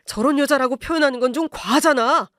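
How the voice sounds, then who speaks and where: A woman's voice: high-pitched, fast talker, fairly bright tone, dry recording, voice pushed up. A woman voicing an earnest young adult son, pleading in a raised voice, dry recording. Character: young adult son defending his girlfriend.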